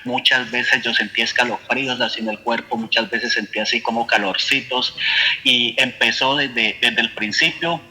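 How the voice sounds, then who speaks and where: A man's voice: mid-range voice, steady tone, normal speed, bright, forceful tone, husky, poor audio. A man with a Colombian accent giving an earnest personal faith testimony, voicing his own past thoughts as he tells the story. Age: adult, with a son. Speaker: church member giving testimony.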